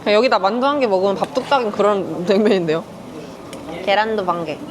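A woman food vlogger chatting playfully as she eats, full of quick exclamations. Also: medium pitch, noisy background. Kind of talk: casual mukbang chat. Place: busy restaurant. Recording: restaurant crowd chatter behind. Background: diners chattering.

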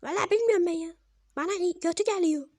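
A woman voicing a cheeky male gravedigger with a shovel in a mobile game, squeaky and defiant, always talking back. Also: quick pace, a little mellow, no echo, studio quality. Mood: fussy.

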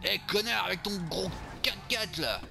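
Un homme jouant un beauf marseillais bourru. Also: male voice, high voice, normal speed, vocal fry, music in the background. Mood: grumbling. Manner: crude, vulgar grumbling, talking to himself while playing. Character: boorish drunk beer-loving lout, man, crude and brash. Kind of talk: game role-play commentary.

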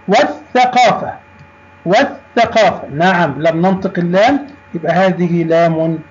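A man teaching a recorded lesson to young pupils, drawing out each word slowly and saying "good" often. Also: high voice, darkish tone. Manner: slow, drawn-out words, with frequent approving "good". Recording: dull, lo-fi recording.

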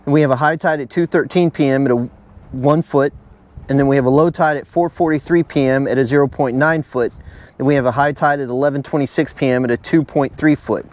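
A man's voice: medium pitch, fairly even intonation, a little fast, darkish tone. A middle-aged man hosting a fishing forecast outdoors on a boat, talking plainly and chattily, often repeating himself. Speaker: fishing channel host.

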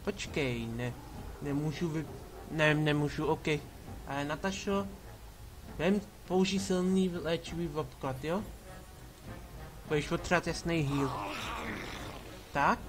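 A let's play gamer with a slightly high voice pauses often as he casually comments on his game, ordering his party members around with sarcastic asides. Game music plays behind him.

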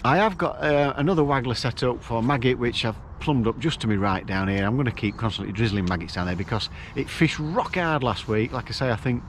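A man's voice: mid-range voice, expressive, fairly quick, few pauses, slight background noise. A middle-aged man, talking casually to camera outdoors beside a lake, chatting through his plans. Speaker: angler vlogger.

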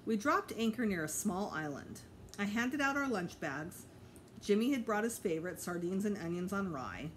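A middle-aged woman with a medium-pitched, animated voice reads a children's story aloud at normal speed, like a teacher addressing pupils. She reads expressively, making small slips and correcting herself. It's a home recording with clear background noise.

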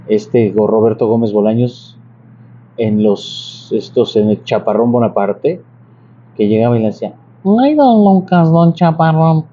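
A man's voice: mid-range voice, mellow. A man giving a casual singing lesson, explaining patiently with many restarts and examples. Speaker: church music and singing teacher. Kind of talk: casual vocal lesson with sung demonstrations. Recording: dull, slightly lo-fi sound with faint noise.

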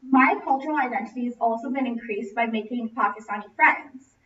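In an indoor classroom, a young American student from Los Angeles projects a prepared personal speech expressively, talking a little fast in a fairly high, fairly bright voice. The camera microphone sits at a distance, leaving the audio echoing, muffled, roomy and noisy.

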